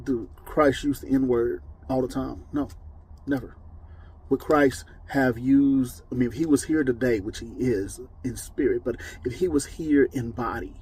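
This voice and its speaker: A man's voice: mid-range voice, a little mellow, husky, low-quality recording. A man giving an informal Bible teaching, conversational and emphatic, often checking in with "okay?". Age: adult with children. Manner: emphatic, moralizing. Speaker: preacher.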